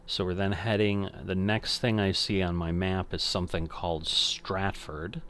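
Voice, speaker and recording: A man's voice: deep voice, little pitch movement, unhurried, fairly bright tone. An older man casually commenting on a flight simulator game, thinking aloud and correcting himself as he goes. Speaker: flight sim streamer.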